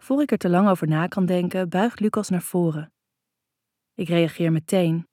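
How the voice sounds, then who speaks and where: A woman's voice: fairly low pitch, moderate pace, mellow, no echo, clean studio sound. A woman narrating a first-person novel in an intimate, reflective way. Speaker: audiobook narrator.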